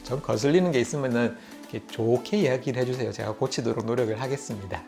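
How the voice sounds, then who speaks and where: This is a fast-talking middle-aged man with a medium-pitched, somewhat dark voice and a Busan Gyeongsang accent. As a YouTube vlogger from Busan, South Korea, he chats casually to camera, laughing often, over faint background music.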